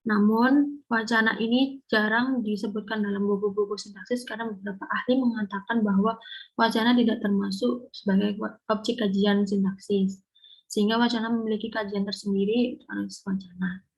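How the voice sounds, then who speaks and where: A woman's voice: medium pitch, steady tone, brisk, poor audio. A young woman presenting a lesson, reading carefully and often catching and restarting her words. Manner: careful, with frequent self-corrections and restarts. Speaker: student presenter explaining syntax. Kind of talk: read-aloud lesson.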